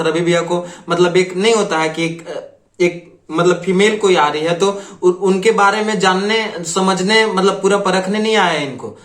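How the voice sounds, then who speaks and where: Brief: high-pitched male reaction host, earnest and preachy, roomy echo. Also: fairly bright tone. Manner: earnest, repetitive, lecturing. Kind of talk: commenting on clips.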